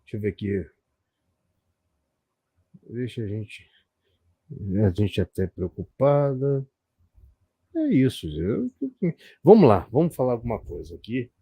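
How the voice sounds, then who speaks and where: A middle-aged man with a Brazilian Portuguese accent hosts a casual live stream, chatting and reminiscing in a rambling way. His voice is mellow and dark. The sound is dry and close. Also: lowish voice, animated, unhurried, pauses often, breathy edge, dry recording. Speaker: host.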